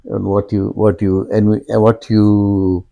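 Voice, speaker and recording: An older man, speaking slowly and reflectively as an interview guest, pausing often and restarting his sentences. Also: on the low side, level tone, gravelly, mellow. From India. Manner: halting and reflective, many fillers and restarts. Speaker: guest, father of host. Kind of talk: conversational interview.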